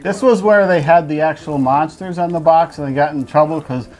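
A man's voice: on the high side, brisk, darkish tone, poor audio. A man co-hosting a show in casual, joking chat. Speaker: co-host. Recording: clear room noise behind.

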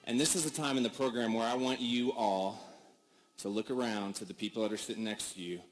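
A man giving a commencement speech, telling a story in an animated, comic way and acting out the people in it. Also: mid-range voice, brisk, faint music behind. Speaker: commencement speaker.

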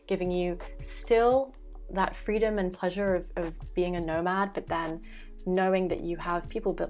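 A young woman from Belgium, a vlogger and life coach, talking earnestly to camera about her life, thoughtful with occasional fillers and self-corrections, in a small room at home. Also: lowish voice. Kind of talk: reflective talking-head vlog. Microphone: fixed camera, framed chest-up.

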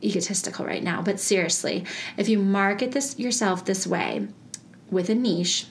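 A woman's voice: mid-range voice, normal speed, vocal fry, a little hiss or hum. A woman hosting her own podcast in a bubbly, chatty way, laughing often as she talks to listeners. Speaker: podcast host. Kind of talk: casual solo podcast.

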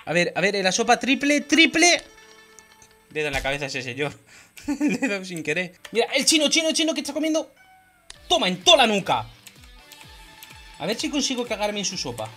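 A woman with a Spain Spanish accent giving excited gameplay commentary, often shouting and laughing. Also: mid-range voice, normal speed, pauses often, faint music behind. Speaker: gaming youtuber.

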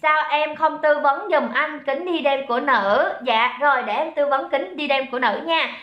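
With a high voice at a moderate pace, a young livestream seller from Saigon chats and jokes with viewers in a Southern Vietnamese accent, welcoming them by name. The recording is muffled and echoes around the room.

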